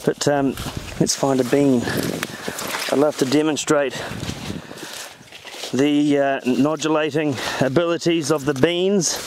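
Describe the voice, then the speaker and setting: A man's voice: fairly high pitch, fairly even intonation, slow, long pauses, noisy background. A man walking through a crop field outdoors, chatting enthusiastically to a handheld camera. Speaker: farm advisor.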